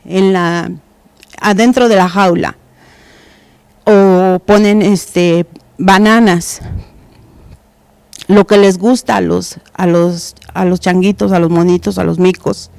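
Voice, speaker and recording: A woman preaching a sermon, telling a story slowly with many pauses, fillers and restarts. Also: lowish voice, steady tone, creaky, a little mellow, smooth, no room sound. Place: church.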